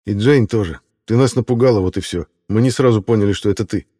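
Man doing a calm, firm doctor. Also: fairly low pitch, fast, voice pushed up, lightly acted. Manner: firm, reasoning. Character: calm doctor, surgeon, measured adult man.

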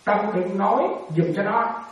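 Woman Buddhist teacher, chatty quizzing tone, booming echo from afar, mid pitch. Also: fairly even intonation, moderate pace. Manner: keeps quizzing listeners, chuckling, casual. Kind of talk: dharma talk with questions to students. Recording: very echoey room, mic at a distance.

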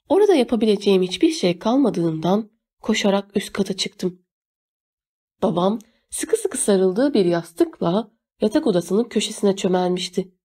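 Mellow-voiced woman narrating a novel. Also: mid-range voice. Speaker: audiobook narrator. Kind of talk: first-person novel narration.

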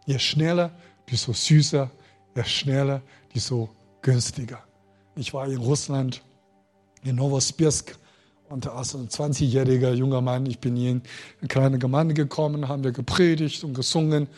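Husky-voiced man preaching a sermon. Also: medium pitch, steady tone, moderate pace, soft background music. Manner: emotional, swings between loud and quiet; makes grammar slips and restarts.

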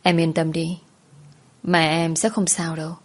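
A woman voicing a young man who calmly reassures his frightened girlfriend. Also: sits low, a little slow. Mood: soothing. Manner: calm, soothing, urgent at times.

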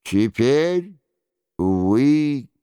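A man reading an audiobook and voicing a scheming older male cardinal who speaks calmly. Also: mid-range voice, drawn-out words, clean tone, no room sound, clean studio sound. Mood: calculating.

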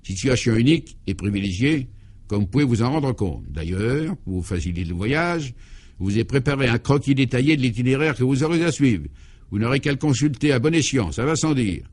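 A man's voice: expressive, fairly quick, a little mellow, lightly acted. A man voicing Clovis du Tilleul, an eccentric, jovial 64-year-old former priest, in an old-style French radio comedy, fatherly and exuberant. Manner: exuberant, fatherly, talks up high.

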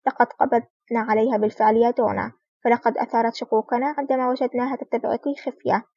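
A woman reads a smug male henchman, pleased with himself. The pace is brisk with a slight rasp. The sound is dull and lo-fi. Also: on the high side, flat delivery, a little mellow, dry recording. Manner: smiling, self-satisfied. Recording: dull lo-fi recording.

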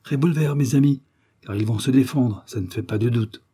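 A man's voice: mid-range voice, normal speed, mellow, slightly rough, pitched above the performer's own voice, close to an everyday voice. A man voicing a pompous, blustering police commissioner who barks orders in a raised voice. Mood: commanding. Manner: bossy, repeats "no doubt about it".

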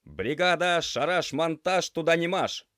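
A man reading an audiobook, voicing a cheeky young male cat student who teases his friends in a loud, lifted voice. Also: medium pitch, big pitch swings, moderate pace, dry recording, pitched above the performer's own voice. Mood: teasing. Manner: teasing, boisterous.

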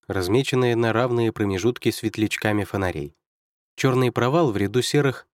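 Male narrator for an audiobook, steady and measured, dry studio sound. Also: mid-range voice, dry recording. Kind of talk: scripted narration.

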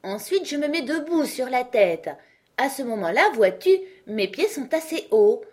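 A woman voicing an earnest, solemn male knight who is proud of his clumsy inventions, read in a breathy voice for a storybook. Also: high voice, sing-song, a little slow, voice pushed up, heavily acted. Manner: grave, proud, rambling explanations. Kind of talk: audiobook character reading.

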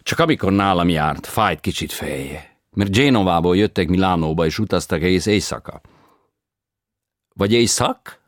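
A man voicing an expatriate male opera tenor who speaks in halting, broken grammar, slowly and emphatically, in an audiobook reading. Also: low-pitched, lively intonation, dry recording, clean studio sound, voice pushed up. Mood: earnest, eager.

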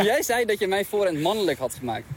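A man stands outdoors at a tennis court and asks his old friends direct, searching questions. His voice is high, with faint noise around him. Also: very animated, fast talker. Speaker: documentary maker interviewing old friends. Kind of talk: on-location conversation.

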